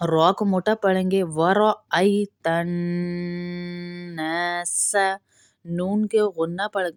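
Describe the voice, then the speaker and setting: Woman teaching slow, careful Quran recitation. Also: fairly low pitch, darkish tone, dry recording, clean studio sound. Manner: slow drawn-out recitation alternating with fast explanation. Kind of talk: tajweed recitation lesson.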